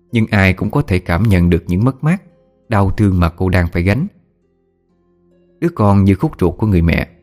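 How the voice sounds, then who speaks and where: A man narrating a story in a steady, somber way. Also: sits low. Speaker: audiobook narrator.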